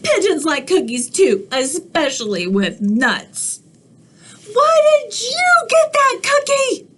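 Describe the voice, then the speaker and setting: A woman voicing a pushy, whiny young male pigeon in a storybook read-aloud, loud and demanding. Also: very high-pitched, very animated, takes it slowly, voice pushed up, full character voice. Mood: whining, pleased.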